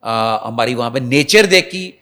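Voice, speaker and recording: A male reporter on a TV talk show, telling stories in an animated way and addressing viewers directly. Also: mid-range voice.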